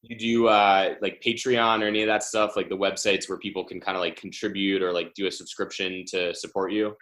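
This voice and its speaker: A man's voice: sits low, flat delivery, a little fast, fairly bright tone. A man hosting a podcast, asking long, wandering questions with many restarts. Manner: asks long, rambling questions, full of restarts. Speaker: podcast host. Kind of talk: interviewing a guest.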